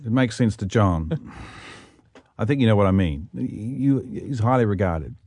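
A man hosting a radio interview, asking questions in a relaxed, curious way. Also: on the low side, a little slow, dry recording. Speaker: radio host. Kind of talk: casual interview.

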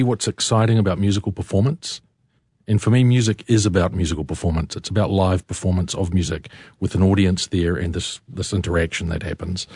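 A man's voice: sits low, a little mellow, breathy edge, no echo, clean studio sound. A man, a composer and interview guest, explaining his ideas articulately and with enthusiasm. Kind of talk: interview answers.

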